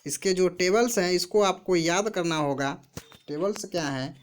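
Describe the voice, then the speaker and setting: A woman teaching a grammar lesson, who asks questions and answers them herself, repeats key words and reads example sentences very slowly. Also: on the low side. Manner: slow, repeats answers to her own questions.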